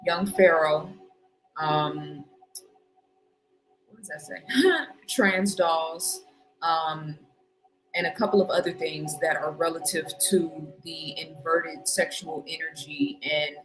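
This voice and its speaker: A woman's voice: low-pitched, low-quality recording. Laid-back woman hosting a livestream. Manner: laid-back, greets chat viewers warmly by name. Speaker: livestream host. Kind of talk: casual livestream chat.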